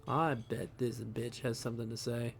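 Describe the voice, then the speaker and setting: A man's voice: mid-range voice, flat delivery, moderate pace, gravelly, a little hiss or hum. A man hosting a casual video game playthrough, joking crudely and reading dialogue choices aloud. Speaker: gaming video host.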